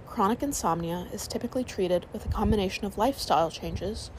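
A woman narrating a sleep story, reading aloud in a calm, soothing way. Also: medium pitch, brisk, background noise.

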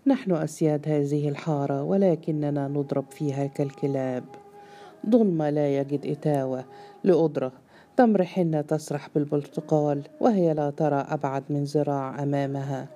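A woman's voice: deep voice, steady tone, a little fast, dark tone, slight background noise, natural voice. A woman reader voicing a bitter, hot-tempered elder of the clan who speaks sharply.

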